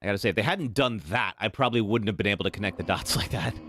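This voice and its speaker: A man's voice: on the low side, racing. A man doing casual video game commentary, thinking aloud in a laid-back way as he plays. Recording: loud game music behind.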